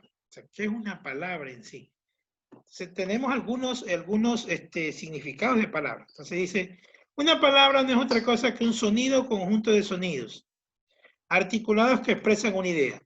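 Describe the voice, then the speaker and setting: A male teacher with a notably high voice explains grammar patiently, going over each point again with simple examples. The recording is dull and lo-fi, with the top end muffled. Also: fairly bright tone. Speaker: language teacher. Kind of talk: online class lecture.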